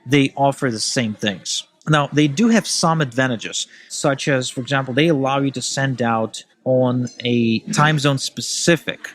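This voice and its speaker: A man, speaking as a guest in a relaxed podcast chat. He is animated and opinionated, with a mid-range voice that rushes ahead in quick bursts and then slows down again. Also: mid-range voice. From Ukraine. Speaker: podcast guest, email marketer. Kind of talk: casual podcast conversation.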